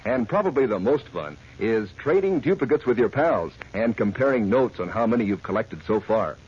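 Male old radio announcer and pitchman. Peppy, swooping delivery, slightly muffled vintage broadcast sound. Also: expressive, moderate pace, a little mellow, husky. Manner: peppy salesmanlike. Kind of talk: 1940s old radio announcer, scripted advertising. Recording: dull old radio recording.

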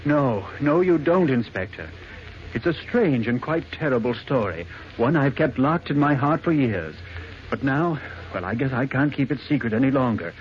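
An actor playing a mild, scholarly choir leader in an old radio drama, speaking formally and theatrically. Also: male voice, mid-range voice, lively intonation, moderate pace, natural voice. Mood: solemn, pleading. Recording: muffled noisy old radio recording.

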